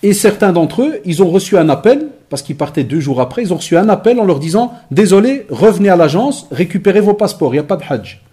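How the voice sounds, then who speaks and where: A man giving a lecture to young people, telling lively stories with acted-out dialogue and Arabic phrases mixed in. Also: high-pitched, quick pace, hardly any pauses, husky. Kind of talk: conference talk to young people.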